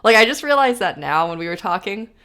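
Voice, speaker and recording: A woman hosts a casual podcast chat, rambling from one thought to the next. She laughs easily and talks about herself with a self-deprecating edge. Her voice sits at a middle pitch. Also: big pitch swings, fast, a bit bright. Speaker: podcast host.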